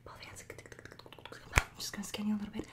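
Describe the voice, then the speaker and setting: Fast whispering young ASMR woman. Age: 20s. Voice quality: breathy whisper. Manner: rapid repeated trigger words and soft instructions. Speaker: ASMR creator. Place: small bedroom, indoors. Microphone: close to the mic.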